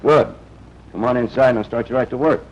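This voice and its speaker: An actor playing a businesslike workshop boss in a 1940s film. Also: male voice, mid-range voice, brisk, darkish tone, close to an everyday voice. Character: businesslike workshop boss, man, secretly resistance contact. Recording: dull, hissy 1940s film soundtrack.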